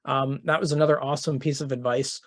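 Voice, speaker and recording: A man's voice: mid-range voice, fairly even intonation, fast, no room sound, studio quality. A middle-aged man giving a conference keynote, telling a story in a casual, conversational way with many fillers and restarts. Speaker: keynote speaker. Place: conference venue.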